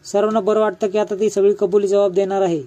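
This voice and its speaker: High-voiced man narrating an even recap. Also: fast. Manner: steady, even retelling with quoted dialogue.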